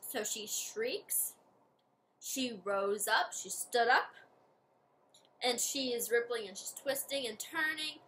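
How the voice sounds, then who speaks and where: Woman teacher, high bright voice, friendly read-aloud lesson for kids, faint hiss. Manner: friendly, explains step by step to kids.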